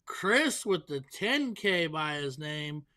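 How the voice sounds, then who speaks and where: A man's voice: fairly high pitch, very animated, slow pace, bright, forceful tone. A man giving casual live darts commentary.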